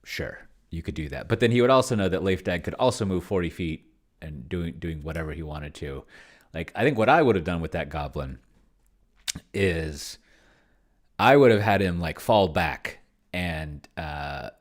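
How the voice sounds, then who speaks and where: Here a solo tabletop game streamer speaks in a low-pitched, expressive voice at a moderate pace. His casual screen-share commentary rambles as he thinks aloud, mutters to himself, and reads aloud the text and what he types.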